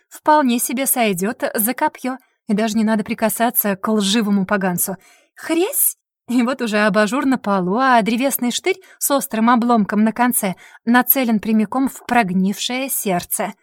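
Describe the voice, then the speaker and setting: A woman reading a novel aloud in the first person, with lively, sardonic storytelling. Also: on the high side, no echo, clean studio sound. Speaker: audiobook narrator.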